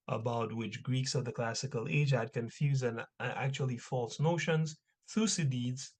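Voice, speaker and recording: A man's voice: mid-range voice, a little mellow. A man teaching an informal religious history class, reading texts aloud and punctuating his points with rhetorical questions and short check-in tags.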